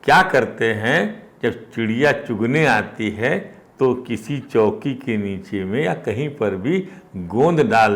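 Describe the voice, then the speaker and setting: A man's voice: medium pitch, a bit bright. An older man giving a spiritual discourse, repeating phrases and rising with emphasis on key points.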